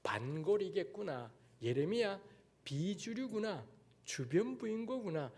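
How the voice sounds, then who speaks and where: A man's voice: high voice, sing-song, moderate pace, darkish tone. A man from Daegu giving a lecture-style sermon as a guest preacher in a church, talking bluntly and candidly with frank asides. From Daegu, South Korea. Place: church sanctuary.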